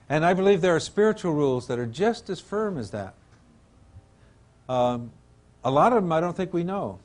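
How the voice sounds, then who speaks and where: A man's voice: on the high side, very animated, moderate pace, pauses often, darkish tone. An older man giving an informal religious lecture in a rambling, professorial manner, trailing into asides and hesitant repetitions.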